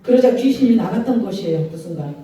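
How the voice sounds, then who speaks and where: Impassioned high-voiced pastor in an echoey church. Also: male voice, animated, fast, warm tone. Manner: impassioned preaching that acts out biblical speakers. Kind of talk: sermon. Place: church sanctuary. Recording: very echoey church hall from a distant mic.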